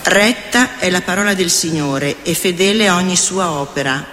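Higher-voiced male lector in echoing church. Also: moderate pace, heavy background noise. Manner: solemn, even reading. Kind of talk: liturgical reading and psalm. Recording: echoey church hall with faint ambience.

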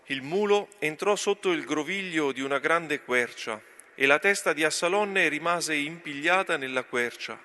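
A man reading scripture aloud at Mass as lector, in a slow, deliberate reading manner. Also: on the high side, bright, forceful tone.

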